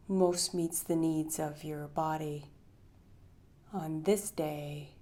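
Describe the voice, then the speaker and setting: A woman guides a meditation that includes poetry readings, her low, mellow voice soothing and unhurried. She leaves long pauses and lets her phrases fade out on a breath.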